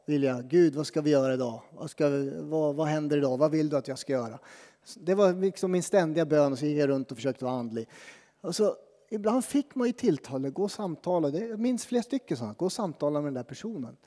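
In an animated sermon, this pastor talks conversationally and pokes fun at himself, holding dramatic pauses. His voice runs a bit high for a man but sounds dark and mellow, with long reverb from the church hall lingering behind it.

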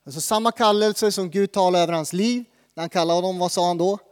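A man's voice: sits high, clean tone, in a large hall. A man preaching a sermon in a conversational way, asking the congregation questions. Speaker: pastor.

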